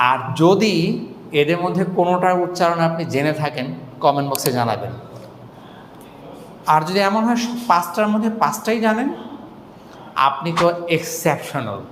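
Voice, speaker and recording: A man teaching pronunciation, with a slightly high, very animated voice that jumps up and down in pitch. He jokes as he goes and slowly repeats words to model the sounds. He is recorded in an echoey room with a long reverb tail and a faint background hum. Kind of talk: casual spoken lesson.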